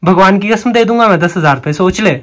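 Holding his phone camera at arm's length, a young adult vlogger jokes through a cave challenge, talking fast and excitedly and calling his friend "bhai" again and again. His voice is high for a man. The casual vlog moves from a green hillside outdoors into a cramped cave.

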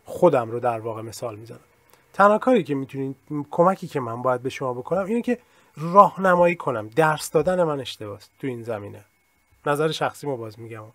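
A man's voice: mid-range voice, animated, no echo. A man whose first language is Persian, teaching an English lesson and explaining at length with modest asides and many examples. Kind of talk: recorded screen-share lesson.

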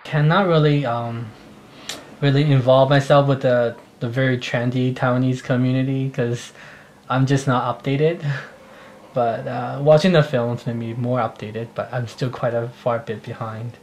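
A man's voice: medium pitch, fairly even intonation, moderate pace, a little mellow, a little hiss or hum. A young man in an interview talking casually and self-deprecatingly.

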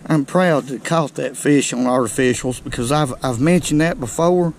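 Speaking at a normal speed in a mid-range voice, a middle-aged fishing video host chats excitedly and folksily with viewers. He is outdoors on a rocky riverbank below a dam, recorded by a chest-mounted action camera with a little hiss or hum.

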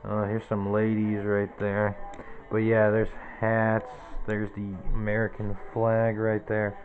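A man's voice: on the low side, completely flat delivery, takes it slowly, phone-quality sound, faint music behind. A man in his twenties giving a casual, rambling tour of his small cluttered bedroom, naming objects one after another into a handheld camera. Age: 20s. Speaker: vlogger. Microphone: handheld camera close to the face.

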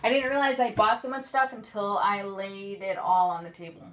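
She has a mid-range voice with little pitch movement and a moderate pace. This woman is a craft haul vlogger doing a casual, off-the-cuff show-and-tell at an indoor craft table, chatty and offhand, often stopping mid-thought as she shows items.

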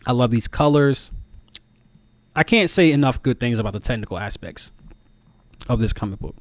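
A man in his thirties giving casual review commentary, halting and often repeating words. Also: mid-range voice, animated, dry recording. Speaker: video commentator. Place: small room at home. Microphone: close desk microphone, headphones on.

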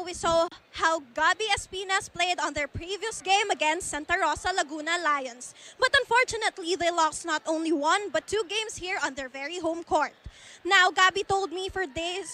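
A Filipino woman gives a scripted sports report. Her voice sits extremely high, with a bright and forceful edge. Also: normal speed.

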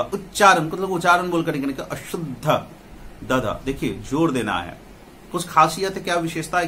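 A man teaching pronunciation in a lecture, his pitch sitting a bit high and swinging widely as he explains. He spells out sounds one at a time and poses rhetorical questions to his listeners. A faint hiss of background noise sits under the voice. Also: a bit bright. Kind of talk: spoken lecture.

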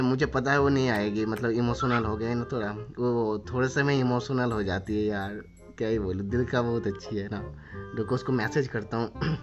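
A young man, casually commentating his own game and chatting with friends. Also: dull audio. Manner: chatty, switches from excited to low and subdued. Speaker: gaming YouTuber.

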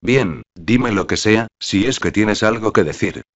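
A man's voice: lowish voice, lively intonation, measured pace. A man voicing an indignant young boy who answers in a sullen, defensive way. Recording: dull lo-fi audiobook recording.

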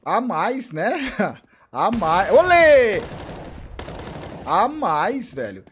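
A man with a Brazilian Portuguese accent reacting live to an esports match, excitable and profane, repeating short cries. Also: sits high, extremely slow, a little hiss or hum. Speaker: streamer commentating an esports match. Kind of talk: live game reaction commentary.

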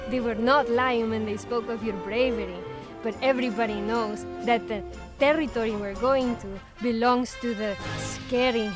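A woman's voice: fairly high pitch, steady tone, moderate pace, natural voice. A young woman playing an earnest, anxious Mexican village woman in a melodramatic comic skit. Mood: dramatic. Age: young adult. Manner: earnest, pleading. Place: outdoors in dry scrubland. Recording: loud music over the voice.

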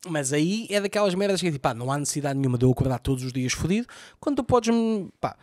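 Lisbon-accented male comedian, loose solo podcast rant, profane and animated, slightly high voice, dry close mic. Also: very fast, dry recording. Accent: Lisbon Portuguese. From Portugal. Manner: swears a lot, rambling and animated. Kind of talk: casual solo podcast monologue. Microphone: podcast microphone.

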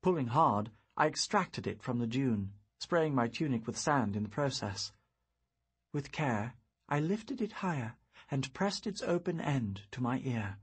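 Male audiobook narrator for first-person fantasy; very breathy, husky tone, lively pitch, unhurried reflective read. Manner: measured, reflective storytelling.

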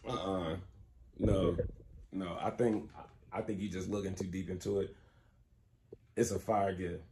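A man's voice: low-pitched, steady tone, measured pace, warm tone, slight background noise. A man casually teasing his girlfriend at home with playful, insistent slang during a prank. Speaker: prankster boyfriend, channel host. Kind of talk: casual prank vlog banter. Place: home, indoors.

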